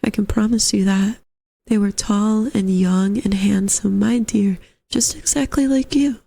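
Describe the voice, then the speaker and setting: A woman's voice: medium pitch, steady tone, unhurried, gravelly, warm tone. A woman voicing a genteel, fussy landlady in a story, with a dainty, coaxing and doting manner. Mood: pleasantly musing. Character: genteel, fussy, sweetly insistent middle-aged landlady. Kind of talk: storybook character voice.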